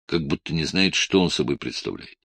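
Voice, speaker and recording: A man narrating an audiobook in an expressive storytelling manner. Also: extremely low pitch, a little fast, vocal fry, no echo.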